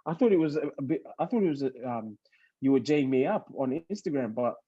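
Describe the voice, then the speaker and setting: A man's voice: mid-range voice, lively intonation, a little fast, warm tone, breathy edge, muffled recording. A young man from Fiji, a podcast guest, chatting casually in a laid-back, rambling way with lots of fillers. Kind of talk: casual chat.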